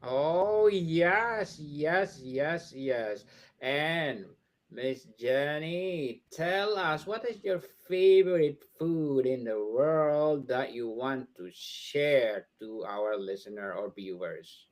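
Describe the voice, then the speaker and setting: A man hosting a podcast interview, speaking slowly and repeating short affirmations. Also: a little high, lively intonation. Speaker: podcast host. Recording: music playing behind the voice.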